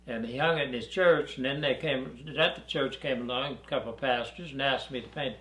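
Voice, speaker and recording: A man in his eighties from Arkansas, recalling his life in an interview with a dry, unhurried storytelling manner and easy chuckles. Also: medium pitch, fairly bright tone, roomy sound, rough recording. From Arkansas, USA. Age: 80s. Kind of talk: reminiscing interview. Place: dark studio backdrop, indoors.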